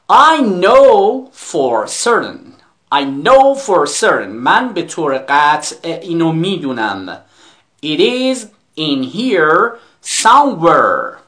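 A teacher giving a live online English lesson in Persian, explaining quickly and then repeating English phrases slowly and spelling them out. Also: mid-range voice, a bit bright.

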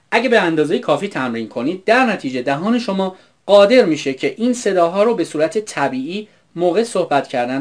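A man from Iran narrating an English pronunciation lesson in a scripted, explanatory, upbeat way. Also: on the high side. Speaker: English teacher.

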